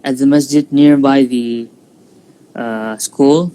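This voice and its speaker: A man's voice: mid-range voice, fairly even intonation, mellow, smooth, poor audio. A young man in his twenties from Indonesia, a student guest telling his story in a casual interview, with many fillers and restarts. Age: 20s. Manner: halting, frequent fillers and restarts. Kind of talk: casual interview over a live stream.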